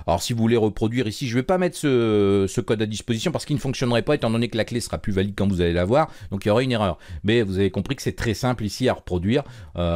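Man, coding tutor, lower voice, loose and chatty, dead-dry mic. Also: no echo. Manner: relaxed, chatty, many fillers and restarts. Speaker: programming course instructor. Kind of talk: screen-recorded coding tutorial.

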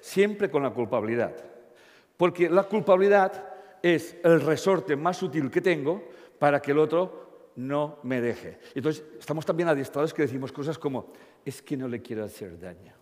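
A man's voice: on the high side, expressive, normal speed, darkish tone. A man giving a live talk, blunt and joking, often asking the audience questions. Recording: long hall reverb.

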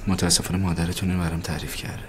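A man's voice: low voice, flat delivery, a little hiss or hum, close to an everyday voice. An actor playing a grown son who is unsure about meeting the mother he lost, speaking hesitantly in a TV drama scene. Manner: hesitant, doubtful. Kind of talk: TV drama dialogue.

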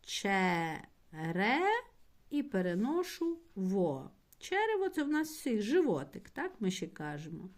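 A woman teacher talks her young pupils through a language lesson at an unhurried, deliberate pace. Her voice sits at an ordinary middle pitch, and she stretches words into syllables as she explains. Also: very animated. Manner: slow, patient explaining, addressing pupils directly. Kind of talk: primary school language lesson.

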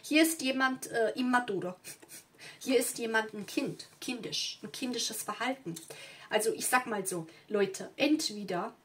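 Seated at an indoor table with candles and flowers, a tarot reader who isn't a native German speaker gives a casual, rambling reading full of fillers and asides. Her voice is on the high side, measured in pace and fairly bright.

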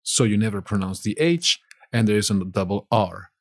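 A man from Spain with a Spanish accent, teaching vocabulary in a slow lesson and saying each word twice. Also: lowish voice, animated, no echo, studio quality.

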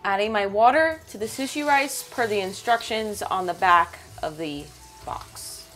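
A woman's voice: medium pitch, unhurried, fairly bright tone. A young woman hosting a fishing and cooking vlog, enthusiastically explaining each step as she fillets fish and makes sushi. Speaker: fishing and cooking channel host.

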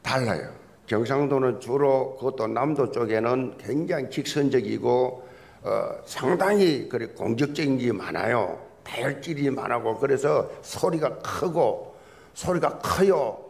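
A pastor preaching a Sunday sermon in a church, telling folksy jokes as he goes. His voice is gravelly with a strong rasp, and his pitch swings widely from high to low. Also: animated, unhurried. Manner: folksy, joking storyteller. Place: church sanctuary.

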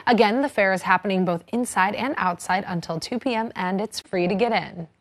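A woman's voice: mid-range voice, brisk. Female news anchor for scripted local news narration, mid-range voice.

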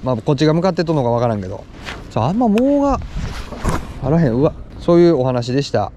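Lively Kansai man fishing outdoors. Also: on the high side, highs cut off, a little hiss or hum. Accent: Kansai Japanese. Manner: excitable, chatty, quick exclamations. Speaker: fishing vlogger. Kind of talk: casual commentary while fishing.

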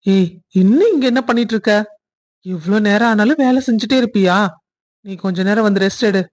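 A playful young cartoon husband, voiced by a woman, teasing his wife with mock-stern orders. His voice is mid-range and lively. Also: medium pitch, brisk, close to an everyday voice. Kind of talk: cartoon story voice acting.

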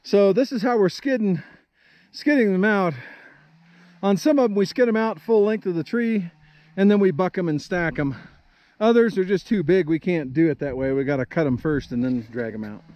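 A man's voice: high-pitched, moderate pace, dark tone, dry recording. Chatty man vlogging outdoors in a forest. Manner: chatty, plain-spoken, joking. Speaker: vlog host. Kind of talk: casual explanatory vlog.

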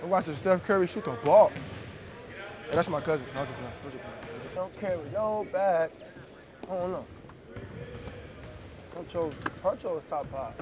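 A teenage basketball player from Tennessee wearing a body mic, joking and singing rap lines to himself while warming up in an indoor gym. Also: male voice, fairly high pitch, normal speed, long pauses, crowd noise. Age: teens. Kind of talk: casual banter while warming up. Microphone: body-worn mic. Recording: crowded gym noise around the mic. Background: players chatting, balls bouncing.

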